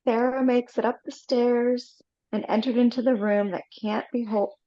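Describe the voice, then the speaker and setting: During a live film script read-through on a video call, a woman reads the stage directions at normal speed in a slightly high, dark-toned, steady voice. Small slips creep in, and the computer mic audio comes across slightly dull.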